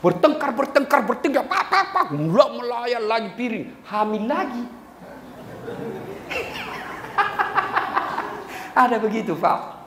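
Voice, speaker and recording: Man preaching and cracking jokes, voice jumping all over, echoey room w/ light hiss. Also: normal speed. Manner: animated, swings between loud and low, sings snatches of songs for laughs. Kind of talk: humorous sermon to a live audience. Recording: echoey live hall with faint noise.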